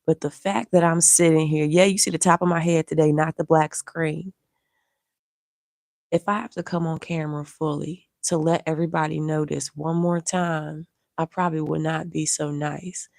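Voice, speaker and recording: A woman's voice: low voice, level tone, moderate pace, gravelly, a little mellow, no room sound, studio quality. A woman who is losing her voice and feeling unwell speaks on a home livestream, scolding her viewers bluntly and with profanity while keeping her voice down. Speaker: social media artist and streamer. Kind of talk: live-stream rant to viewers.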